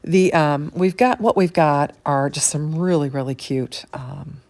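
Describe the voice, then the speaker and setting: An older woman with a low voice narrates a papercraft tutorial. She chats in a relaxed, folksy way and fills her pauses with small "um"s as she walks through each step. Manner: chatty, folksy, with frequent fillers. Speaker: craft demonstrator. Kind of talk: casual craft tutorial narration.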